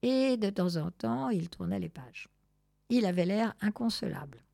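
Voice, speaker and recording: A woman reading a storybook aloud in a relaxed way, with fillers and self-corrections. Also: mid-range voice, measured pace, creaky, no echo, clean studio sound. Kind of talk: casual storybook read-aloud.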